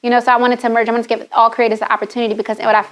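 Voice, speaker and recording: Fast-talking, outspoken woman. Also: fairly high pitch. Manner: animated, candid, profane, laughs often. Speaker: guest, wardrobe stylist and author. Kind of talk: casual podcast conversation.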